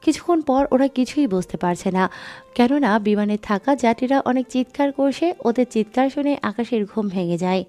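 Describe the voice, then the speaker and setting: A woman narrating an audio drama in a steady storytelling manner. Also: fairly high pitch, moderate pace, faint music behind.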